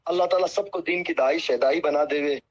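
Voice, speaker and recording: Humble and earnest, a cleric on the phone apologizes and pleads at length for patience. He talks briskly in a slightly high voice, with no echo, captured as a muffled lo-fi phone recording.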